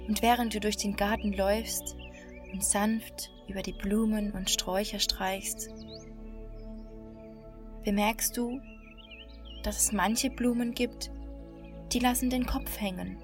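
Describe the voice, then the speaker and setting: A woman leads a guided meditation like a slow hypnotist. She speaks calmly in a mid-pitched voice, leaving long, soothing pauses between short phrases. New-age music plays clearly behind her.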